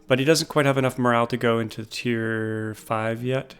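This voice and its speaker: A man casually talking through a game base, thinking aloud with frequent pauses. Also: medium pitch, steady tone, a bit bright, clear, resonant tone, faint music behind. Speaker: gaming YouTuber. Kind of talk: casual gameplay commentary.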